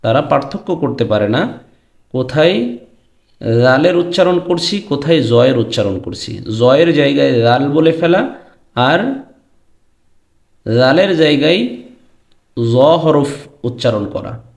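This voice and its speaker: A man teaches Quran pronunciation in a slow, deliberate way, speaking directly to his students. His voice is gravelly, and he draws out each letter name in a chanted tone. The recording has a noticeable room echo. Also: mid-range voice, animated. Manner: drawn-out chanted letter names between explanations. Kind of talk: pronunciation lesson. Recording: echoey room.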